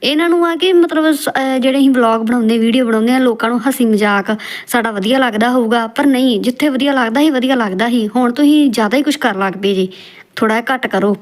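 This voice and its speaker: A woman's voice: a little high, fast. A woman roasting video clips in a scolding, mocking tone. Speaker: roast commentator.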